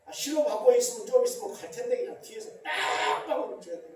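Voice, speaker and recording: A middle-aged Korean pastor preaching a sermon with emphatic rhetorical questions, recorded in a large church hall. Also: male voice, extremely high pitch, animated, quick pace, a little hiss or hum. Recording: very echoey church hall, distant mic.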